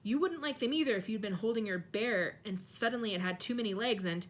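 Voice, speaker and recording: Woman doing a tense, gruff schoolboy. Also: mid-range voice, brisk, close to an everyday voice.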